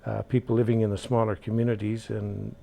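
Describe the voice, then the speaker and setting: A low, gravelly man speaking slowly and deliberately, pausing often on "uh". His delivery is flat and mellow. Faint noise is heard behind him. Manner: slow and deliberate, many "uh" pauses. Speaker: housing board member. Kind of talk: interview answers.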